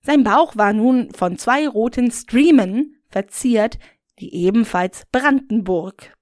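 A woman reads a story in an amateur, unhurried way. Her delivery is slow and flat. The recording is dry and close, with no room around it. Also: fairly high pitch, no echo. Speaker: story reader.

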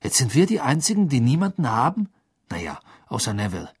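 In this storybook reading, a man doing a frantic teenage boy wizard whose voice jumps high and strained. The tone is husky and swings widely in pitch. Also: big pitch swings, brisk, exaggerated voice. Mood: glum.

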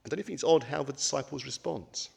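A man preaching a conversational sermon, often pausing on ums and asking the listeners rhetorical questions. His voice sits in a middle pitch, and the recording carries a long reverberant tail, as in a hall. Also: creaky, a little mellow, husky.

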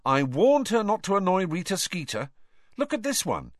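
A man's voice: high-pitched, huge pitch swings, moderate pace, no echo, studio quality, pitched above the performer's own voice, heavily acted. A man voicing a blunt teenage wizard boy in a storybook reading. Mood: rueful.

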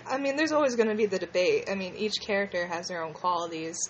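A woman's voice: fairly low pitch, fast, slight background noise, poor audio. A woman with a slushy lisp hosting a casual fan discussion in a hesitant, rambling way. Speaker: podcast host.

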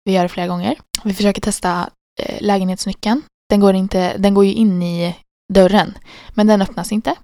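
A woman's voice: steady tone, few pauses, warm tone, no room sound, clean studio sound. A woman in casual podcast chat, telling a story animatedly and acting out her own panic. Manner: acts out her own panic in high squeaky bursts.

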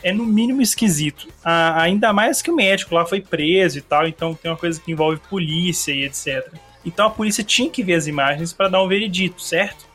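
A man from Brazil, a bit hoarse, hosting a casual solo podcast and rambling along in a slangy, chatty way. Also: sits high, quick pace, few pauses, fairly bright tone, faint music behind. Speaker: podcast host. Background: faint song playing.

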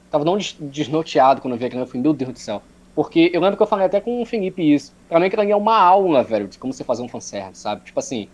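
A man's voice: on the high side, darkish tone. A man chatting casually about games, rambling with many fillers. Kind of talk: casual gaming chat.

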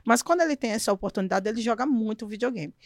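A woman teacher, a guest on a podcast, telling lively stories about her class and laughing often. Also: a little high, rapid-fire, no room sound, clean studio sound. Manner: lively storyteller, laughs often, acts out quotes. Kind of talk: podcast conversation.

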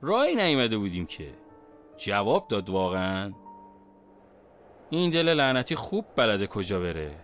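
A man's voice: on the low side, very animated, long pauses, a bit bright, faint music behind. A man acting a dreamy, wondering character in a poetic audio drama, with a theatrical, questioning manner. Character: wondering dreamy man, restlessly questioning his silent companion.

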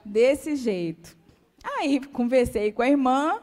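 A woman with a Brazilian Portuguese accent giving a calm, soft-spoken testimony sermon to a church. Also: high voice, slow pace. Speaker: church speaker. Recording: long hall reverb.

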